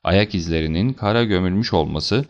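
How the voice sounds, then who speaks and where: A man doing a cool, deliberate detective. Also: sits low. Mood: measured. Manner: measured, explanatory, slightly stern. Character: calm, assured male detective, cool and deliberate. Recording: slightly dull lo-fi recording.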